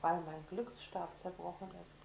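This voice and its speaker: A woman's voice: fairly even intonation, normal speed, creaky, darkish tone, slight background noise. A woman voicing a small, sad fairy girl who is close to tears, reading aloud in an echoey room. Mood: tearful. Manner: tearful, higher voice.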